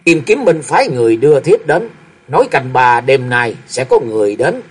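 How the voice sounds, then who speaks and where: A man's voice: medium pitch, big pitch swings, moderate pace, slightly rough. A man voicing a loyal, emotional young male sworn son who speaks in an earnest, pleading way.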